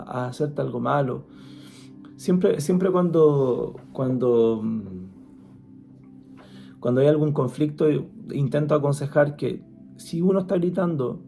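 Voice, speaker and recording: A man gives an earnest devotional talk, his voice gravelly and dark. He speaks conversationally and restarts often. Soft music plays faintly underneath. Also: fairly high pitch. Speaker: guest speaker.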